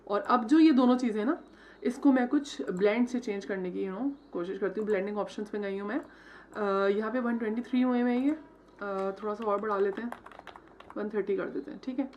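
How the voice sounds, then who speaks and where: A design tutor with a medium-pitched, darkish voice walks through logo design step by step in a screen-recorded software tutorial, speaking briskly. She blends English terms into her Hindi and checks in with "theek hai" after each step. The audio is dull with slight background noise.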